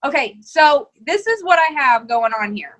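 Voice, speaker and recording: A woman co-hosting a casual podcast chat, animated and laughing often as she builds theories. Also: high-pitched, moderate pace, poor audio. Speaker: podcast co-host.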